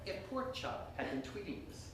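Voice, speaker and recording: Swinging widely in pitch around a medium register, this storyteller delivers scripted comic fairytales at a moderate pace. It's a theatrical live show full of laughs and side remarks, recorded with a distant mic in a reverberant room with background noise.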